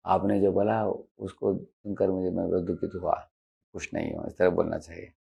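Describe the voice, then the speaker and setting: Through a muffled recording, a man with a low, gravelly, warm voice and a breathy edge talks at a moderate pace in a level tone. As a spiritual teacher lecturing devotionally on assertive speech, he chats his way through slides, drops English terms into Hindi, leans on "haan" and acts out short quoted examples.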